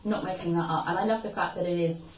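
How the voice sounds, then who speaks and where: A woman's voice: fairly low pitch, fairly even intonation, fast talker, slight background noise. A woman co-hosting a casual product review chat, bubbly and enthusiastic. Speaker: co-host. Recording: roomy, dull sound from a distant mic.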